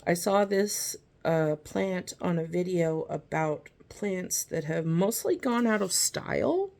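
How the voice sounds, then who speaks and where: Gardening vlogger, casual unboxing talk, unhurried, mid-pitched, rambling with fillers. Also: animated, vocal fry, a little mellow. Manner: rambling, filler-heavy, apologetic asides; reads seed-packet descriptions aloud. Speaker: gardening video host. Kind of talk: casual unboxing and seed review.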